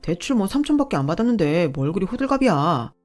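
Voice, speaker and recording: A woman's voice: on the low side, sing-song, fast talker, darkish tone, soft background music. A woman voicing a brash, entitled young husband who talks back defensively and dismissively.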